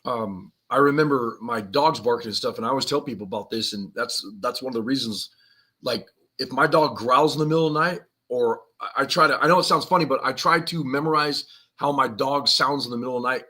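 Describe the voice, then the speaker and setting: A man's voice: mid-range voice, fairly quick, sharp tone, slightly rough. A man co-hosting a live survival podcast, telling stories in a rambling, slangy way and laughing as he goes. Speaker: podcast co-host. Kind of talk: casual live-stream chat.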